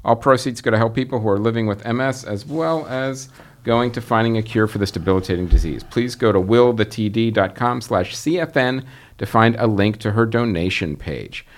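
A man's voice: lowish voice, moderate pace. A man hosting a film podcast, casually reading out listener promos with small fillers and chuckles. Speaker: podcast host.

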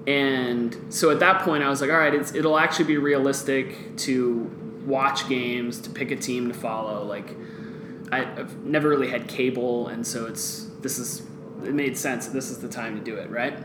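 Relaxed man telling sports stories. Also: mid-range voice, moderate pace. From Guatemala. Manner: relaxed storyteller, many fillers like "um". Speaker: podcast guest. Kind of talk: casual podcast chat. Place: office boardroom. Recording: echoey room with background noise.

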